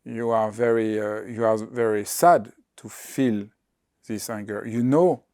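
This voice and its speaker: A man's voice: on the low side, steady tone, darkish tone, no room sound. Hesitant man, dry sound. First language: French. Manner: hesitant, halting, with restarts. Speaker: host. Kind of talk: conversational interview questions.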